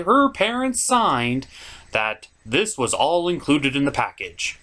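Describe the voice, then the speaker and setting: Hosting a comedic cartoon review, this man narrates with casual sarcasm and irreverence in a fairly high, fairly bright voice.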